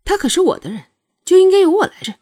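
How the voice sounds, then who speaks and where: A woman's voice: high-pitched, big pitch swings, a little fast, warm tone, husky, heavily acted. A woman voicing a proud young noblewoman who talks in a teasing, needling way in an audiobook. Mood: cold. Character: young noblewoman, sly, proud and sharp-tongued.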